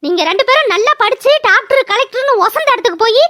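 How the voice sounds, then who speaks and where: A woman's voice: very high voice, lively intonation, fast talker, pushed and bright, no echo, studio quality, full character voice. A woman voicing a stern village mother who lectures and scolds her children, in a cartoon. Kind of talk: cartoon voice acting.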